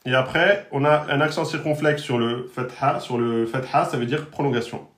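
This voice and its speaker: A man's voice: medium pitch, normal speed, fairly bright tone. A man teaching an online lesson on Arabic letters, patiently repeating and drilling each pronunciation. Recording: roomy echo.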